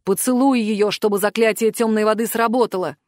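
A woman's voice: mid-range voice, steady tone, a little fast, darkish tone, no room sound, clean studio sound, close to an everyday voice. Woman voicing a cold, detached academy director. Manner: dull, detached voice.

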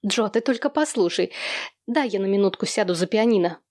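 A woman reading aloud and voicing a gentle young woman coaxing children into hearing her stories. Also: medium pitch, animated, brisk, no echo, studio quality, lightly acted. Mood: eager.

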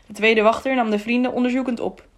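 A woman narrating a children's novel as an audiobook in a calm, measured way. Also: a little high.

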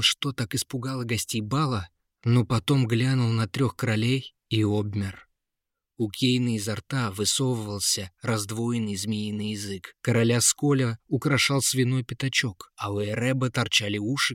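Мужчина-рассказчик выразительно читает сказку вслух. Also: male voice, on the low side, no room sound, studio quality. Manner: expressive storytelling. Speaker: narrator. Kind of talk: audiobook fairy-tale narration.

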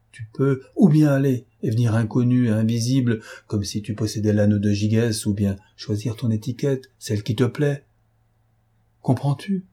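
A man's voice: medium pitch, dark tone, breathy edge, close to an everyday voice. A man reading an audiobook voices a proud, domineering noble master who speaks with emphatic irony. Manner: emphatic, ironic, imperious.

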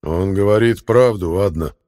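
A commanding fairy king, read by a man, speaks in a measured, authoritative tone. His voice sits low, and he sounds stern but controlled. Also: a little mellow, natural voice. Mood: calm. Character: stern male fairy ruler, calm and commanding.

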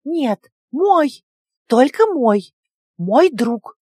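A woman's voice: high-pitched, sing-song, drawn-out words, mellow, dry recording, clean studio sound, pitched above the performer's own voice, full character voice. A woman voicing a small, jealous, possessive furry creature that repeats words like a child in broken speech. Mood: shrill jealous.

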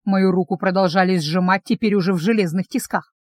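A woman reads a first-person novel aloud, her voice at a middle pitch, intimate and tense as she tells the story. The sound is close and completely dry, with no room around her. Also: steady tone, a little fast, darkish tone, no room sound. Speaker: audiobook narrator.

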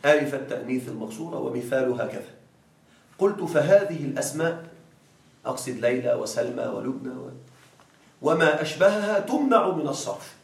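A man's voice: medium pitch, lively intonation, creaky. Man teaching grammar in an echoey room. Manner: quizzes students with fill-in-the-blank prompts; slow, stressed reading of example phrases. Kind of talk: classroom grammar lesson. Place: classroom. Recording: echoey room, distant mic.

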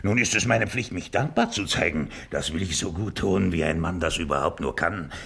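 Lecherous old schemer, gravelly, wheedling, radio drama. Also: male voice, deep voice, expressive, normal speed, fairly bright tone, exaggerated voice. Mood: lustful. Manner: gravelly, wheedling then gleeful. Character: lecherous old rich man faking illness.

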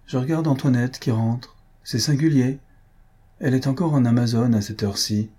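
A man's voice: mid-range voice, normal speed, warm tone, slightly rough, natural voice. A man voicing a breezy young husband. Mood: defensive. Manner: lightly defensive.

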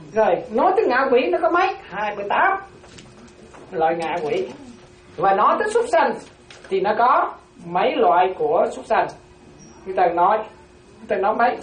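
A Buddhist nun giving a dharma talk, repeating key phrases and often asking whether her listeners follow. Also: on the high side. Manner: keeps checking listeners follow with repeated questions. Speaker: Buddhist nun teaching a class. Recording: roomy, distant mic.

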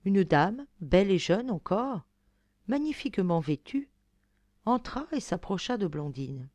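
A woman reading a classic fairy tale aloud as an audiobook narrator, clearly and expressively. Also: mid-range voice, sing-song, measured pace, a little mellow, dry recording. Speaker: audiobook reader. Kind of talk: storybook narration.

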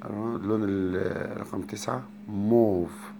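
Egyptian male teacher, low-pitched, patient word-by-word delivery, faint hiss behind. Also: fairly even intonation, vocal fry. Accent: Egyptian Arabic. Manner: repeats each word slowly and carefully. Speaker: French teacher. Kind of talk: spoken lesson.

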